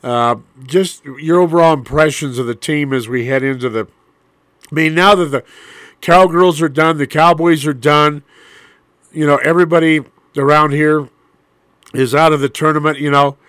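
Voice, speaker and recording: A man hosting a radio show chats loosely, leaning on lots of fillers as he asks his question. His voice is a little higher than most men's. The studio sound is close and dry. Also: fairly even intonation, normal speed, a bit bright, smooth, no echo. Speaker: radio talk show host. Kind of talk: casual radio interview.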